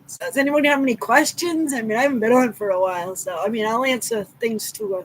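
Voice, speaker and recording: A middle-aged woman from Massachusetts hosts a livestream, chatting warmly and casually with viewers and greeting them by name in a Southeastern Massachusetts accent. Her voice is fairly high and fast, and the low-quality recording has a little hiss or hum.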